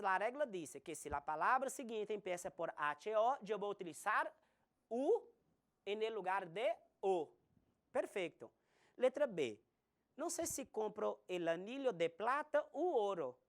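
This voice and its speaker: A woman teaching a recorded Spanish grammar lesson, slowly spelling out examples. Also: medium pitch. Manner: slow, deliberate explanation with spelled-out examples.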